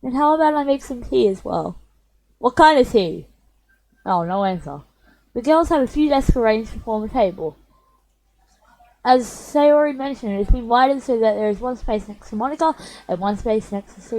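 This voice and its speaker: Animated young woman reading a game aloud. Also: fairly high pitch, normal speed, low-quality recording. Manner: animated, chatty and self-mocking. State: sore voice. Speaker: gaming streamer. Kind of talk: reading a visual novel aloud with commentary.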